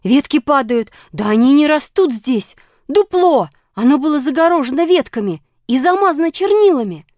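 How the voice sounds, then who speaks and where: A woman voicing a flustered, tearful female letter of the alphabet in a children's audiobook, talking loud and high. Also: moderate pace, no room sound, studio quality, lightly acted. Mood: shouting.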